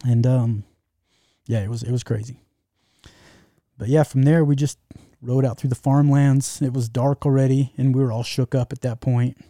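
A man's voice: mid-range voice, steady tone, moderate pace, dark tone, dry recording, clean studio sound. A man telling a travel story in casual chat, rambling with lots of fillers and restarts.

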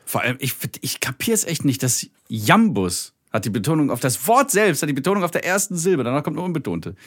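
A man's voice: on the high side, sing-song, fairly quick. A man co-hosting a casual podcast chat, talking animatedly, laughing and imitating speech sounds. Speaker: podcast co-host.

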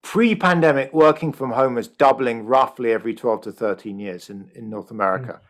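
A man answering interview questions in a brisk, explanatory way on a video call. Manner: brisk, explanatory, lively pitch. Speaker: economist guest.

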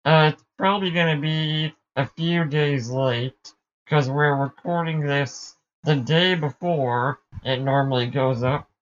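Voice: mid-range voice, unhurried, muffled recording. A podcast co-host in casual chat, with dry, easygoing banter.

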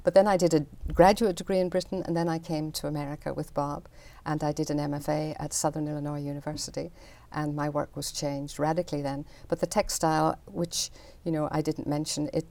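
A woman's voice: low voice, flat delivery, a little fast, mellow. An older woman, an artist explaining her work in a chatty interview. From Northern Ireland.

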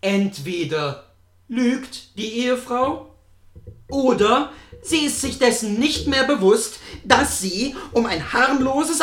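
A man, an author and podcast guest, reading his own prose in an expressive, audiobook style. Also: very high-pitched.

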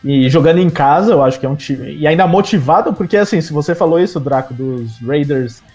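Higher-pitched Brazilian man hosting. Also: a little fast, darkish tone, highs cut off, faint music behind. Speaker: host of a sports live stream. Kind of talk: casual football chat.

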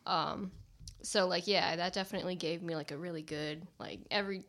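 Bright-voiced woman in lively podcast chat. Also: on the low side, a little fast. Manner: animated, laughs often, quotes lines in a raised voice. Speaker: podcast panelist discussing a film.

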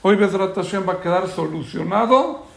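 Man, rabbi, sermon, animated storytelling, high voice. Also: normal speed, creaky. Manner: animated storyteller, acts out characters' lines. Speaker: rabbi teaching a weekly Torah class.

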